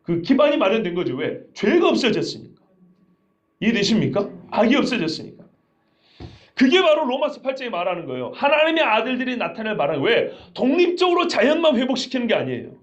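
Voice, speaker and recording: Animated high-voiced male pastor preaching. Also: fairly quick, lo-fi sound. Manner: conversational preaching with rhetorical questions. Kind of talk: sermon.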